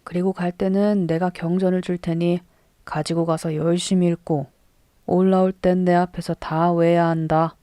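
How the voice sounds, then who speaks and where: A woman's voice: on the low side, little pitch movement, normal speed, dark tone, no room sound, studio quality, lightly acted. A woman reading the part of a strict older male Buddhist abbot who lectures a young novice. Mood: stern. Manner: strict, admonishing.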